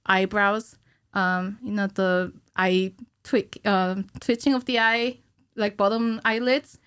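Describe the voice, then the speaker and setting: A woman in her thirties, a cinematic animator, appears as a podcast guest and explains things casually in a giggly way, gesturing animatedly with her hands. Her medium-pitched voice is slow and clean-toned. The setting is a small indoor studio with curtains, where she uses a stand-mounted studio mic and headphones.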